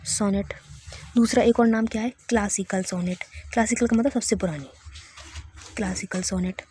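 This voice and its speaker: A woman's voice: fairly high pitch, dark tone, a little hiss or hum. Woman teaching a literature lesson. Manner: checks in with listeners often, repeats key terms.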